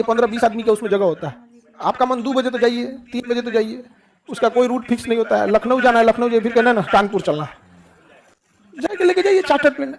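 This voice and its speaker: A middle-aged man with a Bihari Hindi accent, giving students folksy advice in a classroom lecture and answering his own questions. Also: very high voice. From Bihar, India. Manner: asks the class questions and answers them himself; folksy, joking, colloquial. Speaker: teacher.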